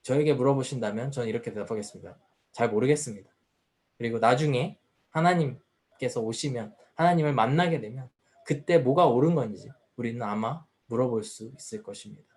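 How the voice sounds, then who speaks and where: A man's voice: mid-range voice, a little fast, darkish tone. A man preaching a sermon at a youth service as the pastor, earnest and full of rhetorical questions. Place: church.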